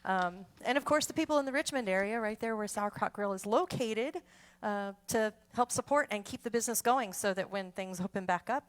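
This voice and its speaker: A woman's voice: mid-range voice, fairly quick. A woman, chatting in a rambling way between polka songs as the host of a music show. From Texas. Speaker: polka band musician hosting an online show. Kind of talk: casual chat between songs.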